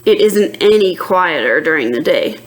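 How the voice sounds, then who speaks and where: In a fairly low-pitched voice, a woman reads aloud from a children's picture book, pausing to quiz the young listeners. Her delivery is expressive and deliberate, like a teacher's. It's a low-quality recording with slight background noise.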